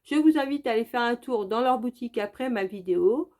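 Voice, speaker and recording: A woman's voice: a little high, lively intonation, a little fast, darkish tone. A woman from France narrating a casual craft unboxing as host of her channel, chatty and repetitive, with many fillers. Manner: chatty, repeats "donc" and "très, très" often.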